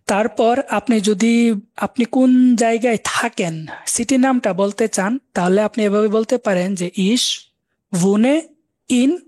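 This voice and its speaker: A man's voice: high-pitched, measured pace, darkish tone, dry recording. A man from Bangladesh with a Bangladeshi Bengali accent, giving an online German lesson, patiently explaining words and spelling them out letter by letter. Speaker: German language instructor.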